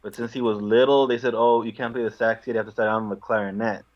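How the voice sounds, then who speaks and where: A man's voice: on the low side, little pitch movement, fast talker. Easygoing man on dull video-call audio. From Guatemala. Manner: easygoing, laughs often, self-deprecating. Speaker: musician guest. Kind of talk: casual interview.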